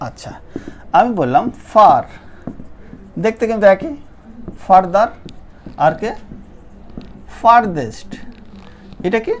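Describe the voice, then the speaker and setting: A woman gives a grammar lesson at the board, her pitch rising and falling in a lively way. She explains patiently, step by step, and draws example words out slowly, syllable by syllable. She often stops to ask the listener whether they follow. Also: slight background noise. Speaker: English grammar teacher. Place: classroom-style video with a board.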